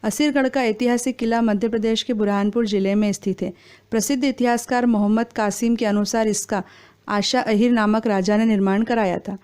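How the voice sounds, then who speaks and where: A woman reading exam quiz questions and their answers in a steady, formal recitation. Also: fairly high pitch, a little fast, clean tone.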